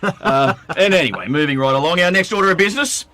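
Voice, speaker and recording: A man's voice: high-pitched, animated, fast talker, bright, forceful tone. Joking Australian man hosting live. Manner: joking, rambling with many fillers. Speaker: host. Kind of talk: casual live show banter.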